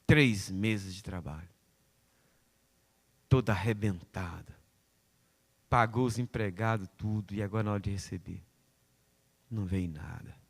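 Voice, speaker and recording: A man's voice: lowish voice, measured pace, vocal fry, pauses often. A man preaching a sermon, acting out prayers and God's replies and calling on listeners by name. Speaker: pastor. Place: church hall. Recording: long reverb of a church hall.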